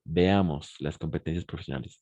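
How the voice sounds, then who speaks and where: A man teaching French to Spanish speakers, who repeats phrases slowly and switches into Spanish to explain. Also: rumbling low, warm tone, no echo, highs cut off.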